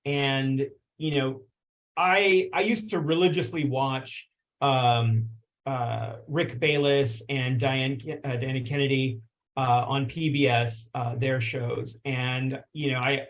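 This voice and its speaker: A man in his forties from Texas, a chef, introducing himself in an earnest, halting way with many restarts. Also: medium pitch, steady tone. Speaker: chef and food writer. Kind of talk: casual personal introduction.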